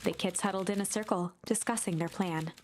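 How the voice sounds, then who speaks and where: A woman giving steady scripted narration for a story game. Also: medium pitch, brisk, a little hiss or hum.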